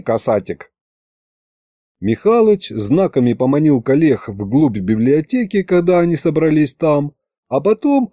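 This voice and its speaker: A man narrating a fairy-tale audiobook with a lively, expressive reading. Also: medium pitch, no room sound, studio quality. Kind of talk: storytelling narration.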